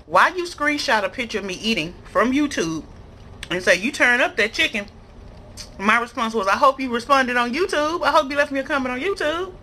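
A woman's voice: high-pitched, animated, fairly quick, bright, forceful tone. An American woman chatting casually and emphatically to viewers in slangy phrasing, talking between mouthfuls as she eats. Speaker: mukbang vlogger. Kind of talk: casual chat to viewers while eating. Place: indoor room at a table. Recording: clear background noise, clattering cutlery and dishes.

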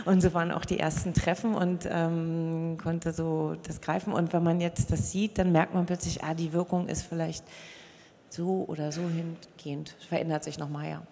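Reflective low-voiced woman on stage. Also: steady tone, normal speed, gravelly, darkish tone. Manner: reflective, searching for words. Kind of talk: panel discussion. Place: stage at a media convention. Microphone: handheld mic. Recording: long hall reverb.

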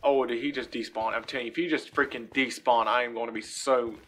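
A young man giving casual let's-play commentary, excitable, swinging from quiet mutters to loud outbursts. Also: mid-range voice, fast. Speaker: gaming YouTuber. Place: home room. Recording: faint background noise and clicks.

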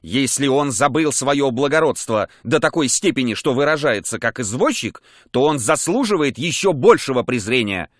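A haughty, scheming colonel's wife, voiced by a man in an audiobook. She talks up high and lively with grand airs. The sound is dry and close. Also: moderate pace, few pauses, no echo, natural voice. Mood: indignant. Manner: indignant, commanding, then coyly sweet. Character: pompous middle-aged colonel's widow, haughty and scheming. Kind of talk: audiobook character voice. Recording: dry close studio mic.

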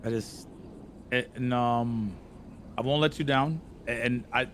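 A man who sounds drunk, earnestly and haltingly talking in character during a streamed role-play. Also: medium pitch, a bit bright, a little hiss or hum. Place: indoor streaming room. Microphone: boom-arm studio microphone.

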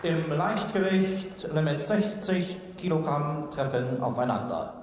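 A male boxing ring announcer with a fairly high voice, booming through a big hall with long reverb. He reads out names and records formally and very deliberately, taking his time. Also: lively intonation, darkish tone, a faint crowd. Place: large indoor boxing arena, over the hall's loudspeakers. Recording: echoey sports hall PA, long reverb, faint noise.

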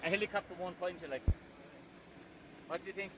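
A man on a small boat at sea, a diver talking in a quick, worried, casual way and swearing freely. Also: high voice, over a noisy crowd. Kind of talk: casual chat. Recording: loud engine and wind noise outdoors. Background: boat engine and water.

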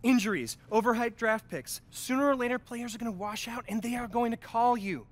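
Slick, high-pitched sports agent. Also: male voice. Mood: earnest, motivating. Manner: fast-talking, pep-talk persuasion. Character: slick, persuasive young male sports agent. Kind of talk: video game cutscene acting.

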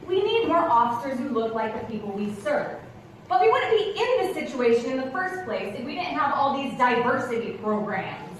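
Performing live on a theatre stage with rows of seats, a middle-aged woman plays a veteran female cop who is defensive and patronizing, calling people darling and hun. Her high voice swoops in a sing-song way at a moderate pace. A distant camera records from far off, so the echoey theatre sound is noisy.

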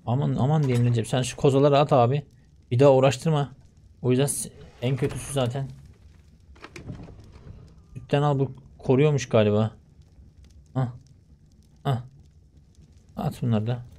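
A young man commentating his own gameplay, shouting in exasperation at losses and muttering to himself in quieter stretches. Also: medium pitch, steady tone, moderate pace, long pauses. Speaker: gaming YouTuber.

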